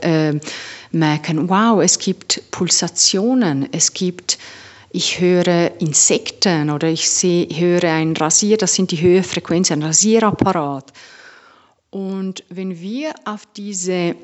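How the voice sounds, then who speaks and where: Slow, playful woman voice coach. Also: fairly low pitch, highs cut off. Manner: lively, playful, mixes in English words, searches for German words. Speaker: voice coach, guest. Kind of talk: podcast interview.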